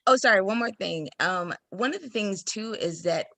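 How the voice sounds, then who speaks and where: Bright, animated woman presenter. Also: mid-range voice, normal speed, creaky, no echo. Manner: animated, laughs often, acts out quoted voices. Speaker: presenter at a teacher workshop. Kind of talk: casual video-call discussion.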